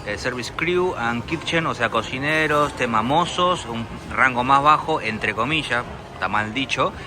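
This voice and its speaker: A young man with an Argentine accent chats to his viewers as he strolls through a city. His voice sits at an ordinary middle pitch, and clear traffic and street noise run behind him on the camera mic. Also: unhurried. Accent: Argentine Spanish. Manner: chatty, addresses viewers directly as friends. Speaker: travel vlogger. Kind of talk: casual walking travel vlog. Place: outdoors on busy city streets.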